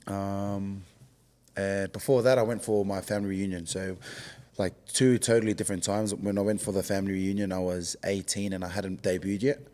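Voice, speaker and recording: A man in his twenties, born in Samoa and raised in Australia, talking casually and haltingly as a podcast guest, with lots of ums and likes. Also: sits low, little pitch movement. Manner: soft-spoken, halting, many ums and likes. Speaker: podcast guest, rugby league player. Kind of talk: casual interview chat.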